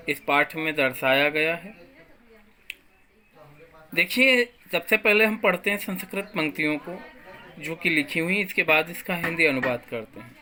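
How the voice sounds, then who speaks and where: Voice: mid-range voice, pushed and bright. A school teacher giving a lesson, reciting verse lines and explaining them word by word with English words mixed in. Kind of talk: classroom lesson.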